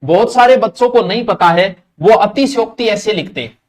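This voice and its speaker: Chatty high-voiced Rajasthani teacher. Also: male voice, animated, normal speed. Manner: chatty, addresses students directly, slips into Rajasthani dialect. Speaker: Hindi grammar teacher for exams. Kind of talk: live online exam-prep class.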